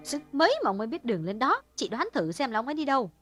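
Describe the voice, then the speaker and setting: A woman's voice: on the high side, very animated, very fast, a bit bright, faint music behind. A woman voicing a gossipy younger woman who keeps asking questions in an audiobook. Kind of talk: audiobook dialogue reading.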